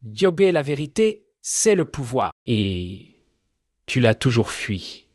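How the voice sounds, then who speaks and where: A man voicing a cold, scornful male rival who taunts and shouts in a story. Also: medium pitch, big pitch swings, takes it slowly, dry recording, studio quality. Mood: taunting.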